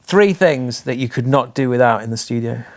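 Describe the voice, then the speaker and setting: A man hosting a podcast with a mid-range voice. He runs a relaxed interview, putting questions to his guests and dropping in short remarks. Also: medium pitch, normal speed. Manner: brief interjections, asks questions. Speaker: podcast host. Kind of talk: casual interview.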